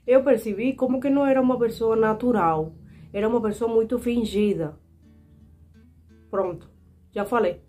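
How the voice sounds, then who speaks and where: A Cuban woman in her twenties, speaking Portuguese as a second language with a Cuban Spanish accent, chatting casually to her viewers as she tells a story. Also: mid-range voice. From Cuba. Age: 20s. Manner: chatty, animated, frequent fillers and asides to viewers. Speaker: vlogger.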